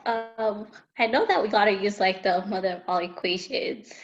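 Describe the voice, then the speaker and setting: A woman's voice: mid-range voice, normal speed, lo-fi sound. A teenage girl answering a tutor's questions over a video call, hesitant and tentative. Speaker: student.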